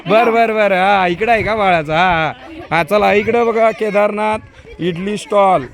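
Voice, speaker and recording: A male school teacher touring an outdoor school market, briskly coaxing children with quick prompts. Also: sits high, vocal fry. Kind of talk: walking tour of a school market stall by stall. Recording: noisy crowd of children outdoors.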